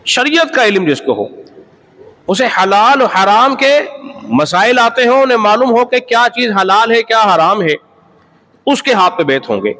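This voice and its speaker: A man's voice: high voice, expressive, normal speed, sharp tone, low-quality recording. A man preaching an Islamic sermon, emphatic and repetitive, asking the audience rhetorical questions. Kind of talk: sermon lecture.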